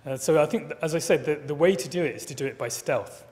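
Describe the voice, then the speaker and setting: At a lectern in a large conference hall, a middle-aged keynote speaker answers audience questions thoughtfully, often repeating words as he builds a point. His voice is slightly high and darkish, and he speaks quickly. The lectern microphone picks up the hall's long reverb.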